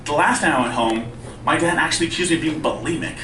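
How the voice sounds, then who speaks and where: A male stand-up comedian with a bright, slightly high voice tells self-deprecating stories in a conversational way. His speech impediment turns R's soft and close to W. The sound is roomy, as if picked up from a distance in a live venue. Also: fast. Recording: roomy live club, distant mic, faint noise.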